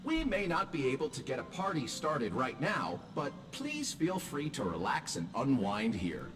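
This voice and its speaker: A man's voice: medium pitch, wildly swooping pitch, normal speed, music in the background. An actor voicing a courteous male robot drinksmith in a video game, formal and fond of corny jokes. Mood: soothing. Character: polite male robot drinksmith serving on a train.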